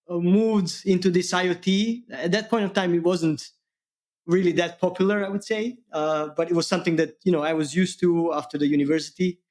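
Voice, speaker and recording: Man, slightly high voice. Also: a little mellow. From Serbia. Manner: halting, many fillers, laughs easily. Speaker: guest engineer. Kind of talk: casual tech interview.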